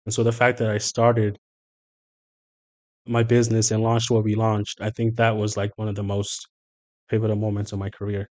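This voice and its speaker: A man guesting on a podcast, talking casually and earnestly, often pausing to think with fillers. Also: fairly low pitch, completely flat delivery, darkish tone. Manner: thoughtful, earnest, with frequent fillers and exclamations.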